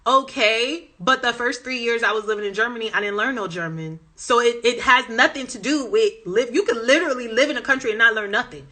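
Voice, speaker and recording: A language-learning Instagram host with a Southern American accent talks passionately on her phone live stream, reading viewer comments as she goes. Her pushed, bright voice is on the high side, and she speaks fairly quickly with hardly any pauses.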